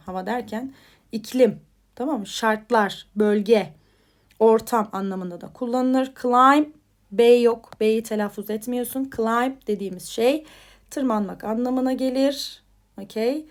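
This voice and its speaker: Chatty woman teaching English vocabulary. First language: Turkish. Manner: explains each word in a chatty, informal way and often asks "tamam mı?"; says the English headword louder and higher, then drops quieter to explain. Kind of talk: vocabulary lesson.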